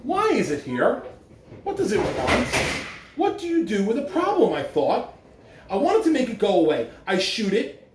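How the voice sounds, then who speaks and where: A middle-aged man's high voice swoops wildly in pitch at normal speed as he expressively reads morning announcements and a children's story, school-announcer style. The living-room recording is roomy and distant from the mic, with a little hiss or hum.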